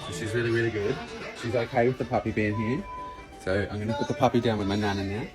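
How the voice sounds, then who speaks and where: A man's voice: steady tone, quick pace, music in the background, low-quality recording. Chatty man narrating a home dog video. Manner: chatty, reassuring, slips into high baby talk with the dogs. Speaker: dog owner filming a vlog. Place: at home with family and dogs.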